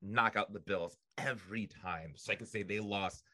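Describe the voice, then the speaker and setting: A man's voice: fairly low pitch, steady tone, moderate pace, bright, forceful tone, dry recording. A man co-hosting a podcast, joking sarcastically in a casual chat about football.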